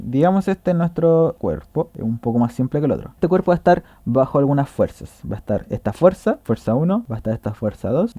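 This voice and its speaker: A man's voice: mid-range voice, mellow, no echo. A man explaining a tutorial in a casual way, walking through a drawing step by step and correcting himself as he goes.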